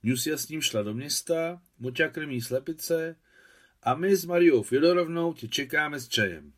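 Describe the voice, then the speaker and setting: A man's voice: on the high side, animated, fairly bright tone, voice pushed up. A man reading aloud who voices a firm, caring village aunt who gives orders. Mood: bossy. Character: brisk warm-hearted village aunt, woman.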